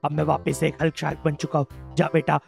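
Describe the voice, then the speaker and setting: A man's voice: a little high, level tone, brisk, gravelly, a little mellow, faint music behind, pitched below the performer's own voice. A man voicing a grateful father shark in a gaming video.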